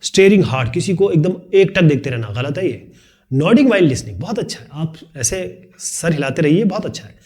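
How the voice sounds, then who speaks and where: A man with a fairly high voice teaches a tutorial at a brisk clip. He talks chattily, explaining points through everyday examples and throwing in light asides along the way. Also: sing-song, a little mellow. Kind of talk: fast-paced Hindi tutorial lecture.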